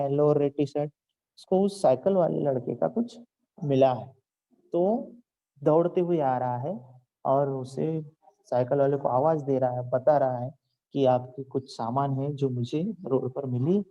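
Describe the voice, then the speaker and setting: A man's voice: mid-range voice, dull audio. A man teaching an online Hindi lesson to children, reading out words and explaining each sound patiently. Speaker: school teacher.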